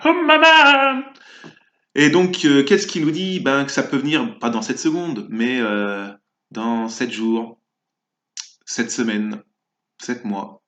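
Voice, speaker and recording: Rambling man in an echoey room. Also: fairly low pitch. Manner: rambling, hesitant, many fillers and restarts. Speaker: spiritual vlogger. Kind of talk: casual spoken monologue. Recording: echoey, slightly muffled room sound.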